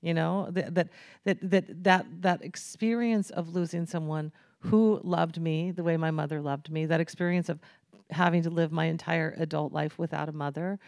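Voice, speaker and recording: A woman's voice: deep voice, fairly even intonation, moderate pace, a little mellow, dry recording, studio quality. A woman author speaking earnestly and thoughtfully in a conversational interview.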